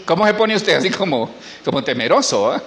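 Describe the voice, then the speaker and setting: A man's voice: a little high, very animated, a little fast, fairly bright tone. A middle-aged man, a pastor preaching a sermon in church and asking the congregation questions. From Honduras.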